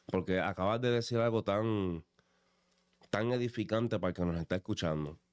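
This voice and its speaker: A man's voice: fairly low pitch, normal speed, clear, resonant tone. A man hosting a faith podcast. He interviews his guest, and his emphasis has the exhorting push of a preacher. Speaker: podcast host.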